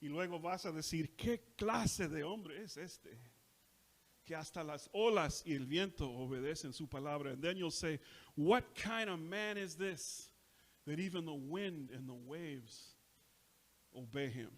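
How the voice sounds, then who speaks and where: A man preaching a sermon, saying each line in Spanish and then again in English, building to loud shouted peaks. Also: fairly high pitch, animated, takes it slowly. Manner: impassioned, swells to shouting on key lines. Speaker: pastor. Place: church sanctuary.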